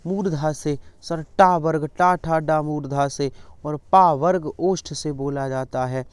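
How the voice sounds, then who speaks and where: A man's voice: fairly high pitch, steady tone, unhurried, clean tone, no echo. A male teacher running an exam-prep lesson, repeatedly coaxing students to answer his questions.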